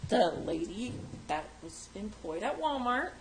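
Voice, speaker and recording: A woman telling a funny story to a group, animated and laughing, acting out the quotes. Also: unhurried, a loud crowd. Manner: animated, laughing, acts out quotes with big pitch jumps. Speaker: mourner sharing a story at a funeral gathering. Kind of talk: casual storytelling. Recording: echoey room with background noise.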